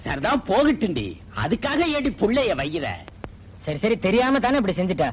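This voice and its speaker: An actor playing a middle-aged father who calms his wife and chides gently, in a Tamil film. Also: high voice, moderate pace, slight background noise, low-quality recording. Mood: placating. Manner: placating, chiding gently. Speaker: father of the heroine. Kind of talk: 1980s Tamil film acting.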